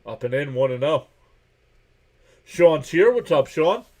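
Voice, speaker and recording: A man streaming a live game reaction, calling each pitch and count in casual play-by-play while greeting viewers and reading their chat messages aloud. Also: expressive, a little slow, a little mellow. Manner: chatty and laid-back, greets viewers by name.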